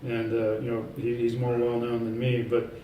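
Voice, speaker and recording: The guest, an author in a casual in-person interview, has a mid-range voice with a completely flat delivery and a moderate pace. He rambles emphatically and confidently, restarting often and using lots of fillers. The sound is lo-fi with a little hiss or hum, an echoey room, a distant mic, and faint ambience.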